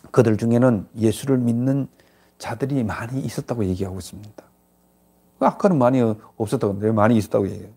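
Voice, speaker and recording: An older man delivers a sermon from the pulpit in a gravelly, husky voice. He preaches emphatically, his voice rising sharply on key points and posing rhetorical questions. His pitch sits in an ordinary middle range. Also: moderate pace, long pauses, darkish tone. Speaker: pastor.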